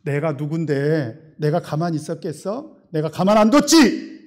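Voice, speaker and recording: A nonchalant little boy, as voiced by a man telling a story in a sermon. He sounds high and cheeky and answers with complete calm. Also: normal speed. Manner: nonchalant, matter-of-fact. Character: cheeky little boy, unbothered after a fight.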